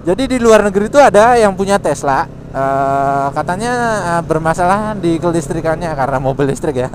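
A chatty man narrates his scooter ride in a fairly high voice. He exclaims often as he talks through city traffic. Steady wind and traffic roar sit under his helmet-mic recording. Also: brisk. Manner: chatty, exclaims often, laughs between remarks. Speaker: motovlogger. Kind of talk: casual motovlog commentary while riding. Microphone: helmet intercom mic.

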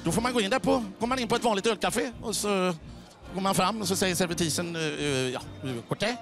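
A man doing a stand-up comedy routine on stage, halting with many fillers and playful repetition. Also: high voice, creaky, a bit bright, faint music behind.

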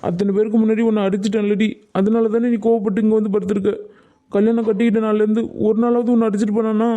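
Performer voicing a cartoon husband, Tamil Nadu accent, mellow voice, coaxing, quick. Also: medium pitch, close to an everyday voice. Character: village husband, fond and apologetic toward his wife. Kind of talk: cartoon voice acting.

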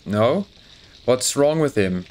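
A man's voice: medium pitch, lively intonation, slow pace, a little mellow. A man playing a horror game, joking nervously and chatting to his in-game dog as he goes. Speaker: gaming YouTuber. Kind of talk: horror game let's play commentary.

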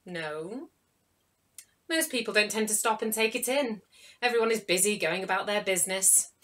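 A woman's voice: medium pitch, animated, moderate pace, fairly bright tone, lightly acted. A woman voicing a posh, proud female pigeon who fusses over her shiny feathers in a storybook tale. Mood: knowing. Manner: posh, indignant then kindly.

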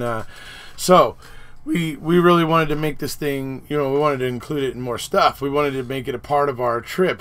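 Recorded by webcam in his poster-decorated home office, a forties-aged man hosting a channel talks loosely about a trip he took, using lots of fillers. His slightly hoarse voice sits at medium pitch with a fairly bright tone.

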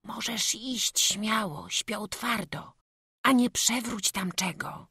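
A woman voicing a kind peasant mother who speaks in a hushed, gentle whisper. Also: on the high side, takes it slowly, slightly rough, no echo, clean studio sound, pitched above the performer's own voice, full character voice.

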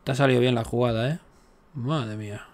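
A man talks through his strategy game in a casual let's-play style. He chats and jokes as he goes, throwing exasperated asides at the game. His voice sits at an ordinary middle pitch. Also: fairly quick, darkish tone. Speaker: gaming YouTuber.

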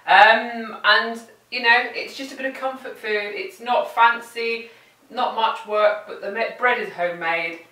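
Bright chatty woman cooking. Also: a little high, fairly even intonation, a little slow. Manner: chatty, playful, talks to the food. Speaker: cooking presenter. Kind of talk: cooking demonstration. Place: home kitchen. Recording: roomy kitchen, mic at a distance.

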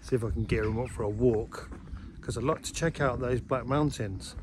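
A man's voice: mid-range voice, moderate pace, noisy background. A middle-aged man vlogging casually as he walks around outdoors and through a small stone church, chatting with many restarts, filmed on a handheld camera at arm's length. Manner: chatty, rambling, often restarting sentences. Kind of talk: casual walking vlog chat.

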